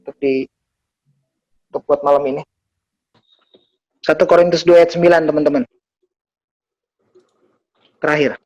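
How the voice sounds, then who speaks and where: Preacher, youth sermon, casual slang with English, emphatic pitch jumps, dull lo-fi sound. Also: fairly even intonation, a little slow, long pauses, darkish tone. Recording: dull lo-fi recording.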